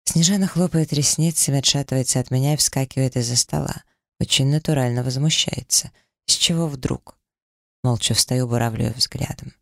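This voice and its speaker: Male audiobook narrator, gravelly and intense, dry close read. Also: mid-range voice, moderate pace, no room sound. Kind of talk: first-person audiobook narration.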